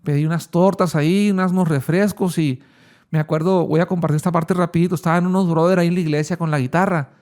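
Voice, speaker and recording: A man's voice: a little high, fairly even intonation, quick pace, darkish tone. A man, telling his personal testimony in a casual, slangy way as an interview guest.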